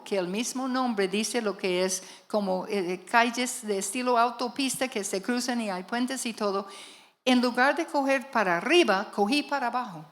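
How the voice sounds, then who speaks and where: Animated woman pastor preaching a sermon. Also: a little high. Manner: animated storyteller, emphatic calls to the congregation. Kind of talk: storytelling sermon. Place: church before a congregation.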